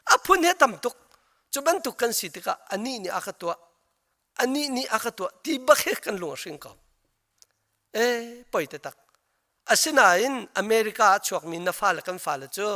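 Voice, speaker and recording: A man's voice: high-pitched, sharp tone. A man, a pastor, preaching a sermon in an earnest, storytelling way.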